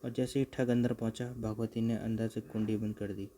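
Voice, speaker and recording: Male narrator for an animated comic, steady and flat, faint hiss underneath. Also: lowish voice, brisk. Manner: steady storytelling.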